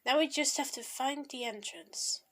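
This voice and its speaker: An earnest, polite teenage alchemist, thoughtful and quietly clever, as a woman reads his lines in a storybook reading. His voice stays near an everyday speaking tone. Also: sits high, measured pace.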